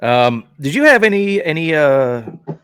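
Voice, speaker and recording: A man hosting a podcast in casual chat, animated and rambling, full of fillers and restarts. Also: a little high, moderate pace, smooth, no room sound, clean studio sound. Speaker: podcast host.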